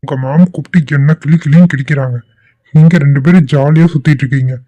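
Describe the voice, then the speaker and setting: A man's voice: on the high side, fairly even intonation, fast talker, mellow, lightly acted. A man voicing a stern, bossy cartoon boss. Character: strict, scolding male office boss. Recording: dull lo-fi dry recording.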